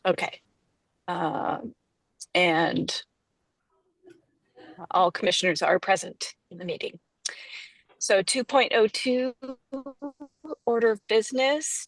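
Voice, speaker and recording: A woman chairing a formal meeting in a halting, informal, apologetic way while riding in a truck cab. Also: medium pitch, no room sound, low-quality recording. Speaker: commission chair running the meeting.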